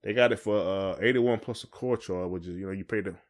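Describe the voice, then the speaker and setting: Speaking a little fast in a low voice, this American podcast co-host keeps the conversation casual, informal and colloquial.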